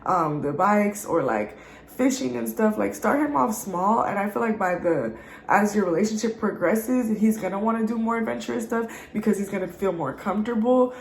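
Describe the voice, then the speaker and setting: A woman's voice: medium pitch, moderate pace, gravelly. Congested young woman, chatty, echoey room. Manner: chatty, slangy, addresses viewers directly. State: congested from allergies. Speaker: YouTube show reviewer. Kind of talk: casual chat.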